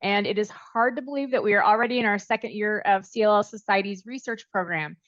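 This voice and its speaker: A woman's voice: medium pitch, fast talker, no echo. A woman hosting an interview, introducing the guest and asking prepared questions in a polite, upbeat manner. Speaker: interview host. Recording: dry, dull lo-fi audio.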